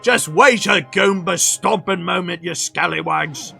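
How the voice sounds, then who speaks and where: A man doing a gruff ship's sailor. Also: sits high, unhurried, pushed and bright, soft background music, voice pushed up, heavily acted. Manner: gruff and blunt. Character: gruff male ship's sailor, rough working type.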